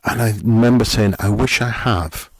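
A middle-aged man, a pastor, giving a gentle, conversational sermon full of questions to the listener. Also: lowish voice, moderate pace, no echo.

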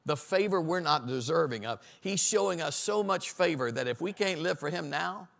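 A man's voice: on the high side, expressive, moderate pace, vocal fry, fairly bright tone. A middle-aged man pastor preaching a sermon at a Bible study on a church stage, building lists to a crescendo and calling for responses from the audience.

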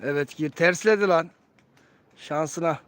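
A man's voice: a little high, unhurried, fairly bright tone, clear, resonant tone. A man hosting a casual live pigeon-auction stream, commentating and addressing viewers as friends. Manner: addresses viewers as friends, repeats key phrases.

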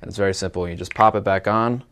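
Presenting a plumbing product in an explainer video, a man in his twenties speaks at a quick pace in a slightly low voice that is steady, fairly bright, clear, and resonant. The studio recording is clean, and his delivery is plain and instructional.

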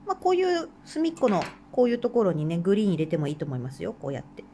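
A woman with a Hokkaido Japanese accent talks through a craft tutorial in a casual, chatty way. Her voice is mellow and her pitch moves around a lot. She laughs often and murmurs quietly to herself between steps. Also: huge pitch swings, very fast, a little hiss or hum. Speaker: craft channel host.

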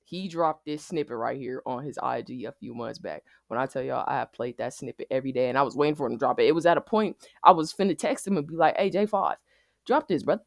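A man talking casually and excitedly as he reacts to a song, slangy and swearing freely. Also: mid-range voice, fast talker, vocal fry, hardly any pauses, no echo, studio quality. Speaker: music reaction host.

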